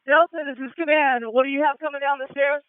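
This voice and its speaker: A man serving as fire incident commander, giving brisk, clipped orders over a two-way radio. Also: very high-pitched, steady tone, dry recording. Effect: two-way radio transmission. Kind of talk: fireground radio traffic. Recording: tinny dry radio channel.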